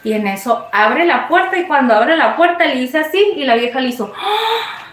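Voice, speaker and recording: Mexican woman host, chatty live-stream storyteller, lively high voice, roomy echo. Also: fairly quick. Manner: animated, swoops high when retelling scenes. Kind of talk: casual storytelling to viewers.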